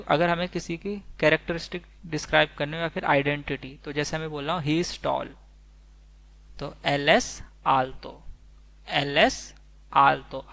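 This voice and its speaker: Indian male teacher, unhurried, repeats every example, gravelly edge. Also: fairly high pitch, fairly bright tone. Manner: slow, repetitive, spells out each example twice. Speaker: Spanish teacher. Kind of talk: slide-based language lesson.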